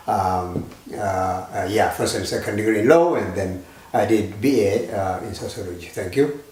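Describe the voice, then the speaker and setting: A man's voice: on the low side, normal speed, a little mellow. A man from Ethiopia, a panel guest, speaking English hesitantly, often stopping and repeating words. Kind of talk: casual panel conversation. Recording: echoey room.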